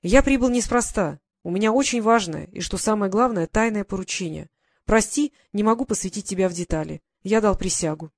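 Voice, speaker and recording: For an audiobook, a woman gives voice to a young guard sergeant calmly reassuring his mother in a steady manner. She uses a natural voice at medium pitch and a brisk pace.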